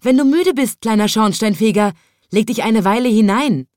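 A woman voices a caring mother stork in a children's storybook, calling out kindly and invitingly. Her pitch is fairly high, set above her own voice yet close to an everyday one, with a darkish tone at normal speed in a clean studio with no room sound.

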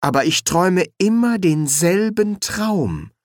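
Male narrator playing a jumpy, feisty young woman, pitched up. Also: big pitch swings, takes it slowly, dry recording, studio quality, full character voice. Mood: anxious. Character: anxious, spirited young actress.

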